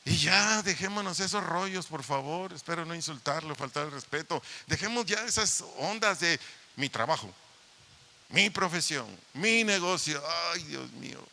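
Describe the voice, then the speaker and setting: A man's voice: a little high, lively intonation, normal speed, sharp tone. A man preaching a sermon as pastor, emphatic and repeatedly addressing the parents directly. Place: church meeting hall.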